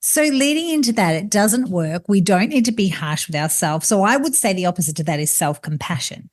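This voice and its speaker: A woman's voice: mid-range voice, lively intonation, fairly quick. A woman hosting a podcast, asking long, meandering questions in a casual chat. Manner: asks long, rambling questions. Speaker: podcast host.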